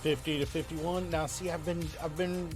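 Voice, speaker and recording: A man's voice: fairly high pitch, fairly even intonation, normal speed, music in the background. A man chatting casually on a gaming stream, thinking aloud and repeating his phrases.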